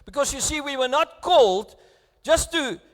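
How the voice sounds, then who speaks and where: A South African man preaching a sermon as pastor, earnest and close to tears, his delivery swinging between hushed and raised. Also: very high-pitched, animated, normal speed. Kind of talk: bilingual sermon. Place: church. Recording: echoey church hall.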